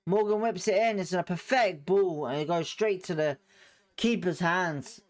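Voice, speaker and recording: A man with a high-sitting voice speaks at a measured pace. Hosting a live fan watchalong from home, he calls the play over the match and chats his opinions, though he hedges them.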